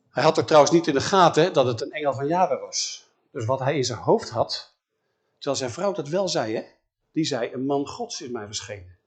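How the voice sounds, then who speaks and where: A man preaching a sermon, telling a biblical story in a lively way and acting out the figures he quotes. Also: medium pitch. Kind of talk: sermon on scripture.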